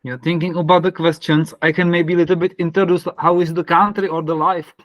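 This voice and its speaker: A man from the Republic, a parish priest talking casually on a video call, searching for words with soft laughs. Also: a little high, level tone, fairly quick, dry recording, highs cut off. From Czech Republic.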